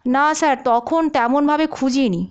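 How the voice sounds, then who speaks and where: A woman's voice: high-pitched, a little slow, dull audio. Woman doing a servile hulking police officer. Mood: deferential. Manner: keeps saying "sir", hesitant fillers. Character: huge fearsome-looking male police officer, servile.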